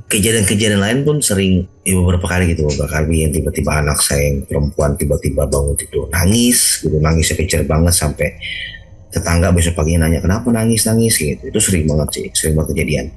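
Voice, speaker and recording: A man hosting a video call, casually telling his own ghost story in an animated way, acting out sounds with big jumps in his voice. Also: very deep voice, quick pace, low-quality recording.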